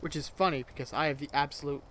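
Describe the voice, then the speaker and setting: Talking fast in a slightly high, steady, fairly bright voice, a man of twenty addresses his viewers over slight background noise. The YouTuber's casual vlog chat is rambling and chatty, full of self-corrections, and he describes his own voice as childish.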